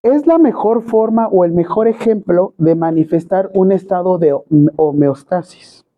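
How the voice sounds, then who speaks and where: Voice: mid-range voice, measured pace. A teacher with a Mexican Spanish accent gives a classroom lecture and keeps quizzing the students with questions. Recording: tinny phone-quality recording.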